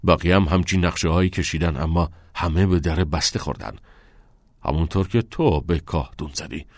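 A man's voice: sits low, dry recording, studio quality. A man voicing a cold, stern middle-aged headmaster who gives clipped, threatening commands in an audiobook. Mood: cold threat. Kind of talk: audiobook character voice.

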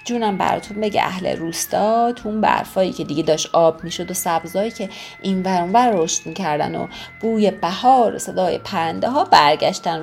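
A woman telling a folk tale to listeners in an expressive, sing-song storyteller's manner. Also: on the low side, vocal fry.

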